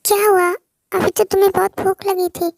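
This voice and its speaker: A high-voiced performer playing a gentle, caring young man who talks softly and reassuringly in a fan-dubbed romance drama. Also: flat delivery, a little fast, creaky, dry recording. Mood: soothing. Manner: soft reassuring talk.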